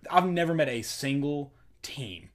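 A man's voice: on the high side, lively intonation, measured pace. A man in casual sports chat, blunt and mocking, often imitating coaches. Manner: blunt, mocking, quotes coaches in put-on voices.

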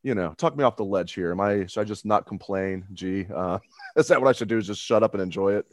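Low-voiced joking podcast host man. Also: quick pace, darkish tone, no room sound. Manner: joking, exaggerated complaining, friendly. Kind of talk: casual sports podcast chat.

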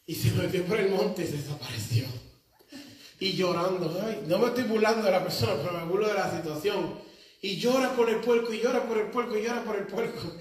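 A male pastor delivers a sermon in a high-pitched voice, emphatic and anecdotal with a humorous edge. He is picked up from a distance, and his words bounce around a heavily reverberant church hall. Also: fairly quick. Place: church service with congregation responses. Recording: very echoey church hall, mic far off.

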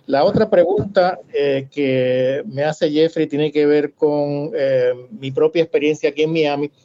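A man's voice: on the high side, unhurried, mellow. A man from Cuba with a mix of Puerto Rican and Cuban accent, speaking as a scholar on an academic panel, hesitant with many filler sounds. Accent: mix of Puerto Rican and Cuban Spanish. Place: lives in Miami. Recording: dull lo-fi sound.

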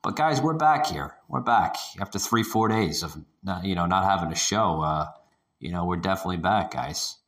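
A very deep-voiced man hosts his podcast from an echoey spare room, and his voice echoes around it. He rambles, repeats himself and swears casually as he rants. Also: animated, normal speed, fairly bright tone. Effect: echoing room sound. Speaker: podcast host. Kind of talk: casual ranting podcast monologue. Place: echoey room not normally used for podcasting. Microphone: home podcast setup over internet connection.

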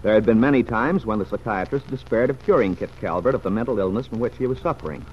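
Man narrating an old radio show. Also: lowish voice. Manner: measured, formal storytelling delivery. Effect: old radio show broadcast. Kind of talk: scripted 1940s radio drama narration. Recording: muffled old radio recording with faint hiss.

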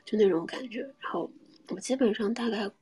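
A young woman telling a personal story in a soft, often half-whispered voice, hesitant and full of restarts. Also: medium pitch, brisk, slight background noise.

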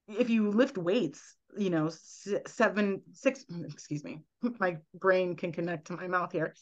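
A woman who works as a medical intuitive guests on a podcast, explaining earnestly and at length while frequently checking in with "right?" Her voice is medium in pitch and the recording sounds muffled.

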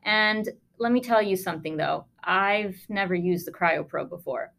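A woman's voice: medium pitch, normal speed, gravelly, a bit bright. A woman podcast host, a lung doctor, telling a case story in a conversational, emphatic way with sarcastic asides.

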